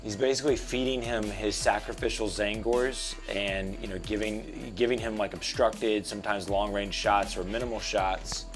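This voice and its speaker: A man's voice: on the low side, steady tone, moderate pace, hardly any pauses, music in the background. A man hosting a game stream, casually commentating on a tabletop match and checking his mic levels. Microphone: desk mic at his computer.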